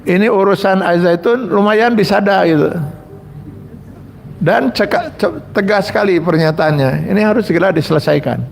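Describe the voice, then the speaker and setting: An Islamic cleric delivers a religious lecture, earnestly telling personal stories and speaking straight to his audience. His voice is high and gravelly at a moderate pace, with slight background noise.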